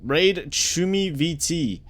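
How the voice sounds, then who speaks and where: A man's voice: fairly high pitch, animated, slow, fairly bright tone. A man streaming a game live, chatting with viewers and swearing as he plays. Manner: chatty, cursing, greets chat between reactions.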